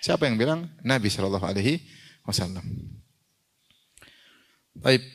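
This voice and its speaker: A man's voice: medium pitch, animated, moderate pace, fairly bright tone. A man preaching an Islamic sermon, reciting hadith in Arabic and asking his listeners questions he then answers himself, sometimes acting out the people he quotes. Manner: asks the audience questions and answers them himself; acts out quoted people in a raised voice. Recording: long hall reverb.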